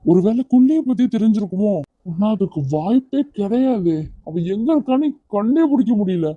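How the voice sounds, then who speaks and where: A man's voice: high voice, animated, moderate pace, no echo, narrow, tinny audio. A man voicing an evasive young man who gets defensive and irritated when questioned, in a cartoon. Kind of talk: cartoon voice acting.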